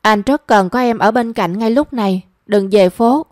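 A woman's voice: a little high, moderate pace, darkish tone, no echo, clean studio sound, natural voice. A woman reading a young man's lines in a story, his speech pleading and self-reproaching. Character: lovesick young man, pleading and rueful.

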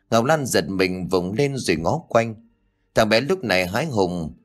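A man with a very low voice reads a horror audiobook. His delivery is dramatic and suspenseful, with a lot of rise and fall in pitch. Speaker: audiobook narrator. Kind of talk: scripted horror story narration.

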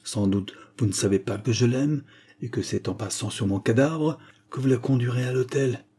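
A man's voice: medium pitch, fairly even intonation, normal speed, dark tone, slightly rough, pitched above the performer's own voice, lightly acted. A man reading the part of a passionate young male poet in an audiobook, exalted and pleading. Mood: impassioned.

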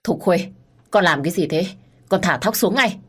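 A woman voicing an angry, sharp-tongued older mother-in-law who scolds and accuses in a storybook reading. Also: fairly low pitch, lively intonation, moderate pace, slightly rough, pitched above the performer's own voice. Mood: panicked.

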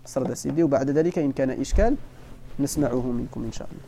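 A man's voice: mid-range voice, very fast, creaky, noisy background. A man with a Moroccan Arabic accent teaching a religious lesson, explaining a text line by line, repeating key points and asking his students whether they follow. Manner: repeats points and checks understanding with questions.

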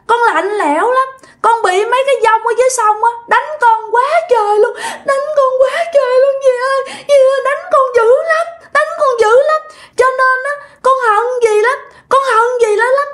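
A woman's voice: very high voice, normal speed, a bit bright, pitched above the performer's own voice. A woman voicing the ghost of a drowned toddler, speaking in a tiny sniffling voice as if crying. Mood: tearful, pleading. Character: ghost of a drowned toddler boy, weeping and resentful.

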